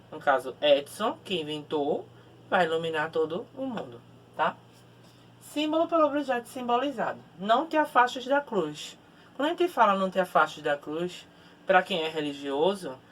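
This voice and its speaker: A man's voice: a little high, a bit bright. A man teaching a recorded grammar lesson, explaining step by step and ending phrases with tag questions. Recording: distant mic with faint background noise.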